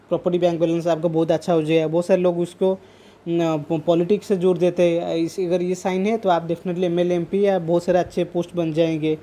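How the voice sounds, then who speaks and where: A man teaching palm reading in a casual talk to camera, his voice mellow and relaxed. He restates points as he goes and slips English terms into his sentences. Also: sits high. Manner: repeats and rephrases points while explaining; sprinkles English terms into speech. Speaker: palm reader.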